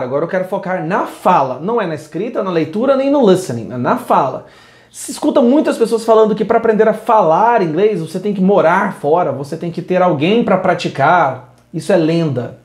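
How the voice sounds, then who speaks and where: A man's voice: sits high, a little mellow, reverberant. A man teaching an English lesson, moving between English and Portuguese in an upbeat, direct way. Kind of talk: video lesson.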